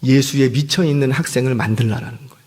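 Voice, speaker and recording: In a church sanctuary with long hall reverb, a senior pastor in his fifties preaches fast in a husky, medium-pitched voice. His sermon is conversational, full of energetic storytelling, and he often pauses to apologize in a self-deprecating way.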